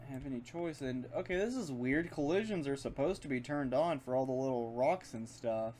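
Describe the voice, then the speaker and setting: With lively intonation and a slightly mellow, medium-pitched voice, this man talks at normal speed while gaming in his room. He's a gaming video host giving loose, unscripted commentary, wandering and thinking out loud. Fan hum and clicking keys and mouse fill the background.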